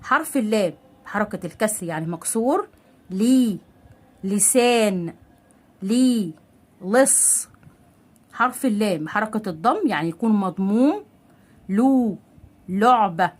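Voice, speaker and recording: A woman with an Egyptian Arabic accent teaching a literacy lesson step by step. She stretches out syllables slowly and asks questions that she then answers herself. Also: medium pitch. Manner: patient, drawn-out sounding out of syllables.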